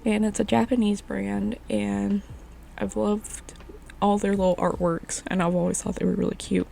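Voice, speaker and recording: A young woman speaks in a deeply gravelly, hoarse voice, raspy from a chest illness. Her tone is soft and mellow, and she rambles along in a chatty, casual voice-over. A faint hiss sits behind her. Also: flat delivery, normal speed. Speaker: craft vlogger. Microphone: voice-over mic.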